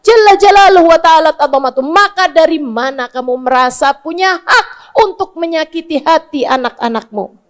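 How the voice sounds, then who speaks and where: A woman preacher with a very high voice delivers a sermon. She talks casually and teases her audience, repeating her points for emphasis and pressing them with rhetorical questions. Her tone moves between scolding and joking. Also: moderate pace. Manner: colloquial, teasing. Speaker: Islamic preacher.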